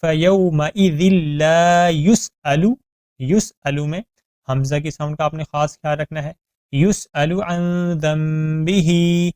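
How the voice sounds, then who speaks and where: A man teaching Quran recitation, explaining reading rules in plain talk, spelling out letters syllable by syllable and reciting verses slowly and melodiously. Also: a little high, a little mellow, dry recording, clean studio sound. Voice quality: smooth, clear voice.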